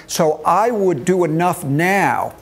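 A high, creaky, animated male voice speaks slowly, with slight background noise. It's a financial planning instructor in his early sixties on a lapel mic, informally teaching a seated group in a meeting room about retirement money, going step by step and checking they follow along.

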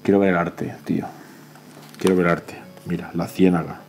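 A man, excitedly unboxing a board game in casual talk, often pleading to himself and chattering to viewers. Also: sits low, normal speed, vocal fry, slight background noise. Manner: excitable, pleading and self-talking. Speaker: board game channel host. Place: indoors at a table, off camera.

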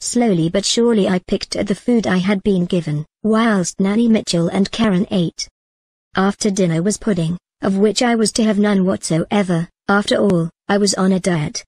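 A woman reading a story aloud in a measured, even manner. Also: medium pitch, husky, dry recording. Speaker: narrator. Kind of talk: storybook narration.

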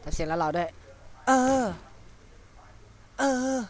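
A man doing let's play commentary on a horror game, jumpy and excitable, swearing often. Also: a little high, a little slow. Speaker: gamer.

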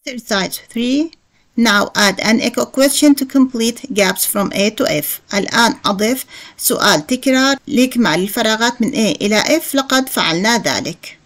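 Woman teacher slowly explaining English grammar. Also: on the high side, animated, a bit bright. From Jordan. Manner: reads English lines slowly, then translates and explains. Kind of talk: explaining a workbook lesson in Arabic.

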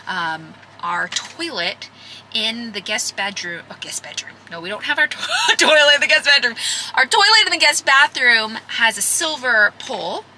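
A woman's voice: on the high side, very animated, normal speed, bright, forceful tone, reverberant, a little hiss or hum, poor audio. A young woman vlogging casually to a camera held at arm's length, chatty and upbeat. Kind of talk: casual vlog chat. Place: inside a car, then a showroom and a house under renovation.

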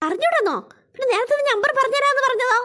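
A woman voicing a menacing male kidnapper in a cartoon, snarling threats with sudden loud jumps. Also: extremely high pitch, very fast. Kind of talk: cartoon voice acting.

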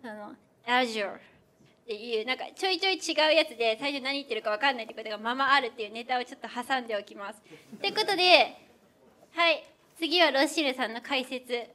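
Fast, bright-voiced chatty woman. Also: high voice. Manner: chatty, acts out quoted exchanges. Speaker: co-author and presenter. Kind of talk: lively event talk.

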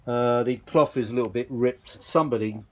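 In a carpeted room at home, a vintage audio enthusiast gives a handheld demo of his equipment. His voice sits at medium pitch and moves at an ordinary pace, and he rambles casually and eagerly, speaking off the cuff.

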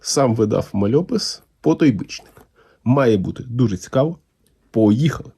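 A man with a mid-range voice that is creaky and a little breathy chats casually as he unboxes comics for his channel. He sounds enthusiastic and unhurried, with lively intonation.

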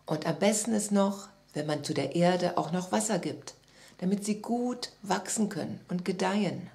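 A woman voicing a kindly old grandfather creature who speaks low and slow, gently explaining things. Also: creaky. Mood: patient.

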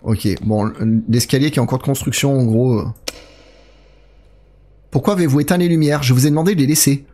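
A man's voice: mid-range voice, a little fast, pauses often, mellow. Casual French man streaming a horror game. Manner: casual, joking, thanks chat viewers. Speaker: let's play streamer. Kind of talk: live horror game commentary.

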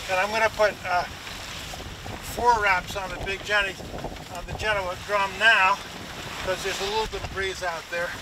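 An older man with a fairly high voice coaches a student aboard a sailboat, explaining patiently and pausing on fillers. Wind rushes clearly over the camera mic outdoors. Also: level tone. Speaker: sailing instructor. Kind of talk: casual on-the-water instruction. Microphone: action camera mounted on the boat. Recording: windy outdoor boat recording. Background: wind noise and water.

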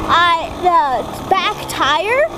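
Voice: very high voice, very animated, very slow. A young rider, chatting casually to viewers while riding a dirt bike outdoors. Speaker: motorcycle vlogger. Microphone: action camera worn on the rider. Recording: engine noise from a helmet camera.

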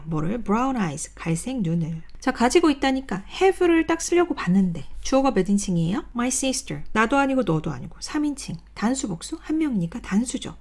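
A woman's voice: a little high, darkish tone. A woman teaching an English grammar lesson in Korean, asking her class questions and then answering them herself as she drills through word lists.

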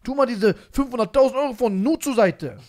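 High male voice, brash, mock-scolding, casual streamer banter. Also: animated, brisk, darkish tone. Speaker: streamer reacting to a video. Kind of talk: casual banter, street slang.

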